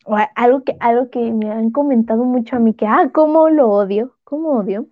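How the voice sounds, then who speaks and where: A woman's voice: on the high side, fairly quick, no room sound. Chatty Mexican woman, tinny sound. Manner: chatty, opinionated, animated. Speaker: podcast co-host. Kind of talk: casual chat.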